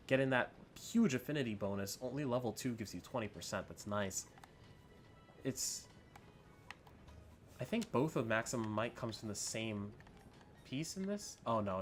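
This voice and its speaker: Low-voiced man rambling through game commentary. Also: a little hiss or hum. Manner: rambling, thinking aloud. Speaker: gaming video host. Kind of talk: casual unscripted gameplay commentary. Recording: music under the voice. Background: background music.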